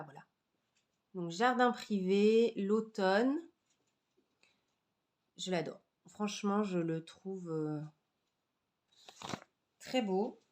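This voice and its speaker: A woman hosting an embroidery vlog, chatting casually with many fillers and often sinking to a soft murmur. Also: fairly low pitch. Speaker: Flosstube host showing embroidery projects. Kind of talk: casual chat.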